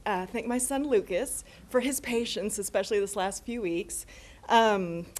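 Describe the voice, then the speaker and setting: A middle-aged American woman, newly appointed as assistant principal, gives an informal, conversational thank-you speech and sounds a little hesitant. Her voice is mid-range and darkish in tone, and she speaks unhurriedly.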